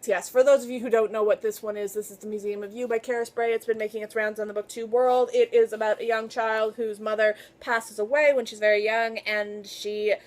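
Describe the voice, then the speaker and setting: A woman talking casually to her viewers in a book haul video, gushing and excitable. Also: a little high, a little fast, few pauses. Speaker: book vlogger.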